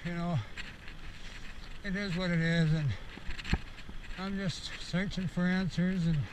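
A roughly sixty-year-old man vlogs while cycling a rural road, delivering a candid, meandering, self-reflective monologue captured by an action camera on the bike or on him. His voice is high and level and he speaks slowly, with wind and road noise in the recording.

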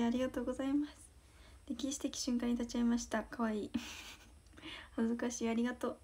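A woman's voice: high voice, dark tone. A teenage girl from Osaka with a Kansai accent, bashful and giggly, chatting casually on a livestream as she reads fan comments and thanks fans. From Osaka, Japan. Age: teens. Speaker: idol livestream host.

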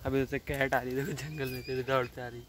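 A man's voice: medium pitch, little pitch movement, fast talker, noisy background. A man vlogging casually outdoors near trees and a farm, chatty and always telling viewers to look. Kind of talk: casual vlog narration. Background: birds and animals calling.

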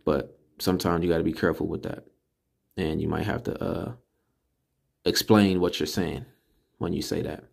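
A man with a Californian accent teaching a spoken Hebrew pronunciation lesson, emphatic and repeating syllables slowly. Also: sits low, fairly even intonation, creaky, a little mellow.

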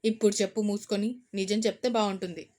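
A woman voicing a confident young husband who teases his wife with quick, bossy remarks in an audio story. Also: medium pitch, little pitch movement, warm tone, close to an everyday voice. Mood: teasing. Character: teasing, confident husband, young adult man.

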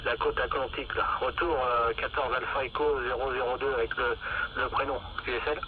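A man's voice: mid-range voice, fairly even intonation. Static-laden man on a walkie-talkie. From France. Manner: unhurried, full of fillers and call-sign spelling. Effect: heard through a handheld walkie-talkie receiver. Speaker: CB radio operator. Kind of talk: casual radio contact with call signs. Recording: lo-fi radio reception with strong static.

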